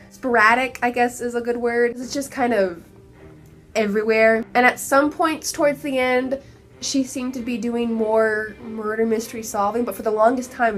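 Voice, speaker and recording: A young woman with a Texan accent, hoarse and losing her voice, giving an animated, exasperated book review with laughing asides. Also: a little high. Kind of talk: casual video review rant.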